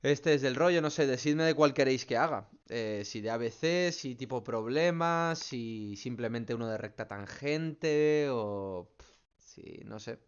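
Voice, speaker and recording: A man's voice: mid-range voice, a little slow, smooth. Guy teaching math over a video call, patient, keeps checking everyone follows, bit muffled audio. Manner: patient, explains step by step, keeps checking with "¿vale?". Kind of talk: online class solving student questions.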